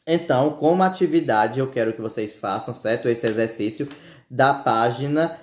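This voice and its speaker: Male teacher, mid-pitched, patient and repetitive, checking in with students constantly, recorded in an echoey home room. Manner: repeats "certo?" after nearly every phrase, slow deliberate explanation. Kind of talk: recorded remote grammar lesson.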